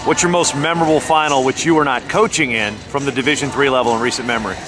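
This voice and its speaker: A male sports interviewer talks at a rapid clip in a medium-pitched voice. His questions are conversational, and music is clearly audible behind him. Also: steady tone, poor audio. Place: at a championship venue.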